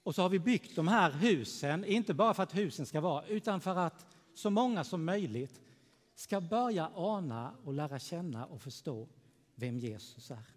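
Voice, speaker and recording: A man preaching a gentle children's sermon in church, telling a story and speaking warmly to the children. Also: fairly high pitch, animated. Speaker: pastor. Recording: long church reverb.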